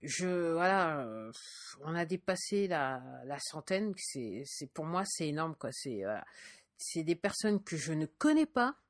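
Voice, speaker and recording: A woman's voice: low voice, very animated, measured pace, no room sound, studio quality. A woman with a French accent talking casually in a podcast about her music, hesitant and full of fillers, candid and grateful. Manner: hesitant, many fillers and restarts. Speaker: independent musician and blogger. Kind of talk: casual spoken podcast monologue.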